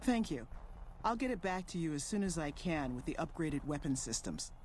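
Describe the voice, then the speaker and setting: An actor playing a polite, measured male scientist in a video game. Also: on the high side, big pitch swings, darkish tone, a little hiss or hum. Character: calm male scientist from an aid group.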